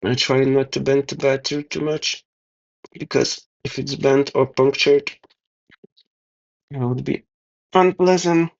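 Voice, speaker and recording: Slow, mumbling man thinking aloud. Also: medium pitch, fairly even intonation, gravelly. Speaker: DIY video maker. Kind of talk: casual narration over hands-on repair. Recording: somewhat dull, lo-fi sound.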